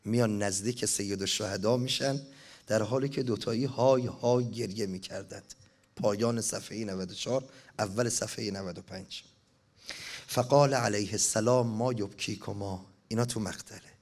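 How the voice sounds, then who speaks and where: A man's voice: lowish voice, steady tone, a little mellow. A man preaching a mourning sermon, reading an elegy and chanting it, at times rising to impassioned cries.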